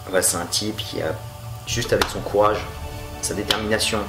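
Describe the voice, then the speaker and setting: A man with a low voice reviews a film in a loose, slangy way, cracking jokes as he goes. His delivery stays chatty and informal. Music plays clearly under his voice throughout. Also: fairly even intonation, normal speed, low-quality recording.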